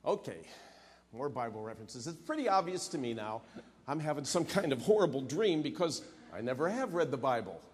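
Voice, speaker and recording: A man's voice: mid-range voice, sing-song, a little fast, close to an everyday voice. A man playing a cynical, self-centred businessman in a comic stage drama, sarcastic, flippant and exasperated. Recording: echoey hall with background noise.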